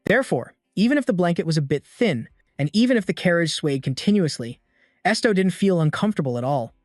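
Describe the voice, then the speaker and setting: A man's voice: fairly high pitch, expressive, brisk, no echo. A man narrating a recap. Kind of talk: scripted story narration. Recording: dry voice-over with soft music.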